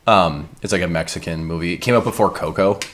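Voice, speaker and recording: A young man co-hosting a casual podcast, telling a story in a relaxed way with many pauses and ums. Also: deep voice. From Canada. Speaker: podcast co-host. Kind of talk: casual chat.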